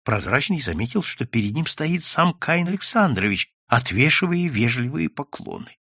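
A man reading an audiobook story aloud in an expressive, dramatic way. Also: medium pitch, moderate pace, slightly rough, no echo, clean studio sound. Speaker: audiobook reader.

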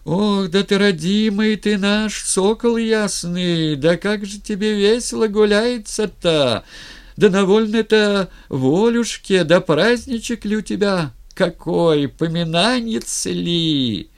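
A man voicing an old village madwoman who wails drawn-out, sung-out laments in a storybook reading. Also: high voice, clean tone, voice pushed up. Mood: keening lament.

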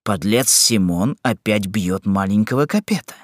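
A man's voice: fairly low pitch, animated, moderate pace, no room sound, clean studio sound, voice pushed down. A man voicing an upright male sergeant who reproaches a bully firmly in an audiobook. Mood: alarmed. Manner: firm, reproachful. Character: indignant upright male sergeant, defends the weak. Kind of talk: audiobook character reading.

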